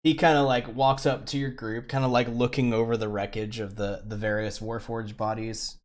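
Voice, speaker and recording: A man's voice: medium pitch, little pitch movement, normal speed. A man narrating a tabletop game as game master on a live stream, in a casual, loose way with many fillers.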